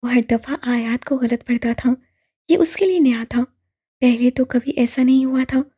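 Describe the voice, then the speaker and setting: A woman narrating a novel audiobook in a slow, measured, somber way. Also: high-pitched, steady tone, warm tone, husky. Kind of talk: novel reading.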